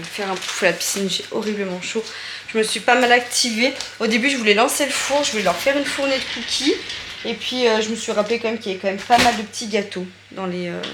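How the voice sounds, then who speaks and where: Chatty woman vlogging in an echoey room. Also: mid-range voice. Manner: chatty storytelling with many fillers. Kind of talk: casual vlog chat. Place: family home. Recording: echoey room with background noise.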